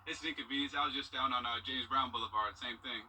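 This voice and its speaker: A male interviewee talks casually and conversationally. His voice is very bright and forceful, with faint background noise. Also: mid-range voice, fairly even intonation, quick pace, recorded from a distance, poor audio. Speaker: local interviewee.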